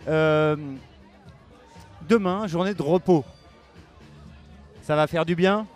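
Guy doing a radio interview outside, slightly high voice, stumbles with lots of euhs, faint music behind. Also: slow pace, darkish tone. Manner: hesitant, many fillers, insistent about mic distance. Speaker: radio host. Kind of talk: casual on-site radio interview. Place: outdoor camp, music playing behind.

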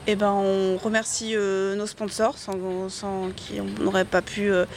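A woman, a nurse, speaking in a relaxed, hesitant way in an interview. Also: medium pitch, unhurried, slight background noise. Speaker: nurse, race participant. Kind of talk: casual interview. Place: outdoors in Cambodia.

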